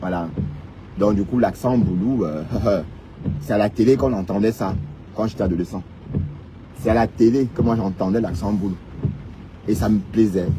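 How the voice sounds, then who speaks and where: This Cameroonian man speaks with a fairly low voice at a moderate pace, leaving long pauses against a noisy background. Ranting on a relaxed live stream in his Cameroonian French accent, he mocks and teases viewers, sprinkling in "hein" again and again.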